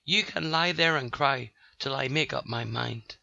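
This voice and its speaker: Gruff papa bear for a storybook, voiced by a man, dry, dull recording. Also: mid-range voice, measured pace, bright, forceful tone, dry recording, heavily acted. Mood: angry. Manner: roaring, gruff. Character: big, savage, roaring papa bear.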